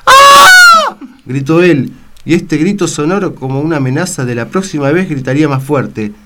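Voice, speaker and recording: A man reading a grim story aloud on the radio, going from hushed to loud. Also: a little high, fairly quick. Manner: expressive, swings from hushed to loud. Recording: loud noise on radio recording.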